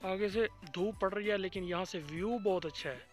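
A young man with a slightly high voice chats casually as he films outdoors among palm trees. He keeps pointing things out to his viewers, talking into a handheld phone with music playing clearly underneath. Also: a little fast. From Pakistan. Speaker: vlogger. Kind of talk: casual walking tour vlog. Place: outdoors in a date palm farm.

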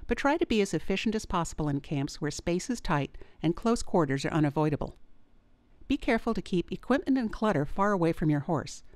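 Low-voiced woman narrating horse safety tips. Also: no room sound. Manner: calm, measured, clear advice. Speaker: veterinarian narrator. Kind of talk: scripted instructional narration.

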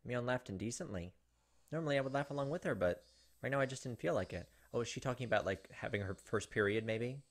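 This let's play host is a fast talker with a mid-range voice. Close to his desk microphone, he reads visual novel narration aloud and adds asides as game music runs.

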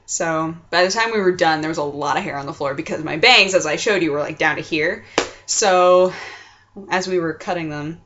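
A woman's voice: low-pitched, normal speed, noisy background. A woman in her twenties chats casually as a vlog host at home, rambling playfully and acting out what she describes. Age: 20s. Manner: playful, rambling, acts out sounds and quotes. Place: small furnished room at home, indoors. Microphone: computer webcam mic at arm's length. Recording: dull lo-fi webcam sound.

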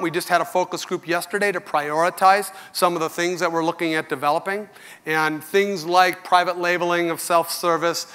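A man's voice: on the high side, a bit bright, clear, resonant tone. A middle-aged man on a large conference stage giving a keynote speech to customers, in an earnest, conversational and candid manner, speaking into a headset mic. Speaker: company executive giving keynote.

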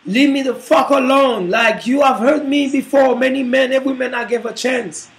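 A man voicing a heartbroken woman who shouts and curses at a suitor she is fighting off. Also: extremely high pitch, flat delivery, moderate pace, creaky, reverberant, heavily acted. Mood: furious. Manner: shouting, cursing, defiant.

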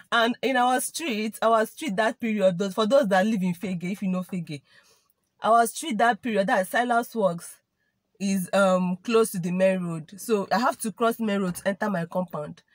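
A woman's voice: medium pitch, unhurried, no room sound. A young woman with a Nigerian English accent, telling a story to camera in a casual vlog and dropping in Igbo and Pidgin expressions. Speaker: vlogger.

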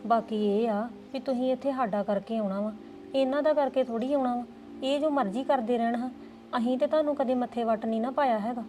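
A woman's voice: fairly high pitch, fairly even intonation, a little fast, mellow, a little hiss or hum. A woman playing a young woman in a family drama, complaining and defensive. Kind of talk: Punjabi family drama dialogue.

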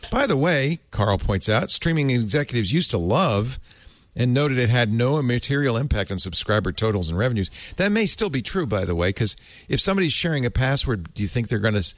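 Animated man reading aloud on a podcast. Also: mid-range voice, brisk, dry recording. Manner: animated, joking, mock-pompous reading voice. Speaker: podcast host. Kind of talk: casual panel chat, reading an article aloud.

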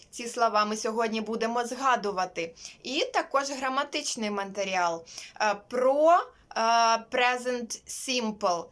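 A young woman leads a lesson for young pupils, with a slightly high voice and an unhurried pace. She models each sound with care, asks the class to repeat it, and praises them warmly between words. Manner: slow, clear modelling of sounds with repeat prompts; warm praise and diminutives for children. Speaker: English teacher for young children. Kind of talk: online primary-school lesson.

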